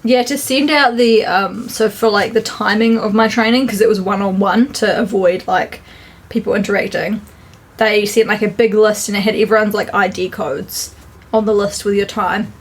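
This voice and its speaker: A woman's voice: mid-range voice, fairly even intonation, moderate pace, husky. A woman from New Zealand co-hosting a vlog, chatty with many fillers and frequent laughs, out walking by a river. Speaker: vlog co-host. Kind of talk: casual chat.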